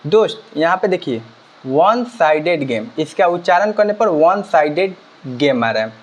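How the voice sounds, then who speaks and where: A man's voice: on the high side, animated, unhurried. A man teaching a grammar lesson, asking and answering his own questions and repeating key words. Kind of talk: grammar lesson explaining examples. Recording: slightly dull lo-fi recording.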